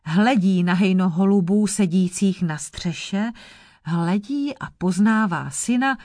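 Woman reading a folk tale, steady pace, dry close sound. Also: medium pitch, no room sound. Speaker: storyteller.

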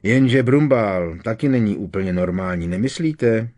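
A man's voice: on the low side, animated, darkish tone, voice pushed up, close to an everyday voice. A man reading an audiobook, voicing a cheeky teenage wizard boy who teases in a wry, drawling way. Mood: teasing. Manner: teasing, wry.

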